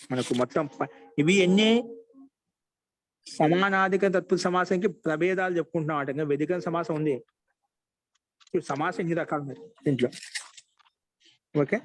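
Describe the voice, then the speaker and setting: A man teaching Sanskrit grammar in an online class, explaining in short phrases and repeating each example slowly. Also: a little high, low-quality recording.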